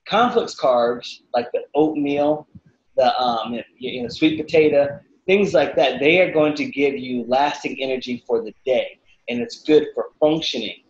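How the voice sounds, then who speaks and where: Animated man on a roomy video call. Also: medium pitch, unhurried. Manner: animated, acts out quotes with voices. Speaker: guest, fitness cook. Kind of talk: casual interview answers. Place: living room at home. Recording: roomy, slightly dull video call audio.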